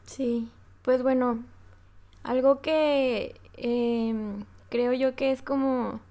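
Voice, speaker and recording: A woman talking casually and thoughtfully, pausing with fillers. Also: high voice, fairly even intonation, dark tone. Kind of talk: casual conversation.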